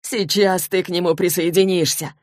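A woman voicing a cocky, cold and mocking young male demon hunter in an audiobook, talking slowly and scornfully. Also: on the low side, fairly even intonation, no echo, studio quality, natural voice. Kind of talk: audiobook reading.

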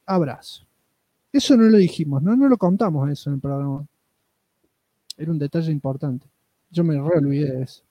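This man speaks Argentine Spanish in a high, light register and hosts a casual podcast. His tone is mellow and dark in color, and the sound is dry and close. He teases and jokes with mock outrage. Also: brisk, long pauses, dry recording. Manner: joking, mock-indignant, playful. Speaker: podcast co-host reading listener comments.

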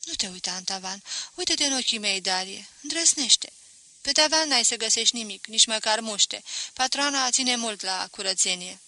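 A female reader voices a sad, firm young woman, pressing her words with urgent pleading and an earnest mood. The voice is very bright, sharp and on the high side, recorded dry and close with no echo.

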